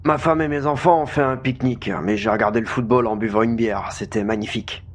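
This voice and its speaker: A breezy male caller on a radio phone-in, played by a man in an audio drama. He chats in a carefree way at a medium pitch. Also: steady tone, fast talker, close to an everyday voice. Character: carefree family man calling a radio show.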